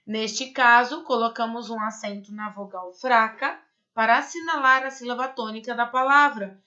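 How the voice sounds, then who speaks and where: A woman's voice: fairly high pitch, steady tone, moderate pace, pushed and bright, lo-fi sound. A woman teaching a Spanish class, explaining step by step and checking in with her students. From Brazil. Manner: explains patiently, asks rhetorical questions and checks in with "certo?" and "né?". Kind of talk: recorded online class.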